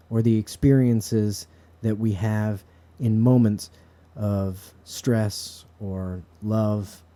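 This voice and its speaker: Dark-voiced man musing earnestly. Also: fairly low pitch. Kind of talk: reflective spoken monologue to camera. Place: bedroom. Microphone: camera set up in front of him.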